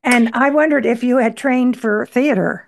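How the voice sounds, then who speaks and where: A woman's voice: fairly high pitch, moderate pace, creaky, slight background noise. A woman hosting a poetry interview program, emphatic and familiar in her way of talking. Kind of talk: conversational interviewing and program announcements.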